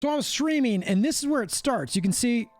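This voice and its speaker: Brief: male gaming host, high and very animated voice, exasperated commentary over quiet music. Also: brisk. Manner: animated, exasperated, repeats for emphasis. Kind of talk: gameplay commentary.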